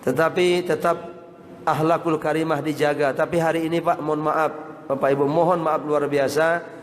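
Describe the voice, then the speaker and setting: High-voiced male preacher in a hall. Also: level tone, normal speed. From Indonesia. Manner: addresses the audience constantly as Pak and Bapak Ibu. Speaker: Islamic preacher. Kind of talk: sermon. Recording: hall reverb with faint noise.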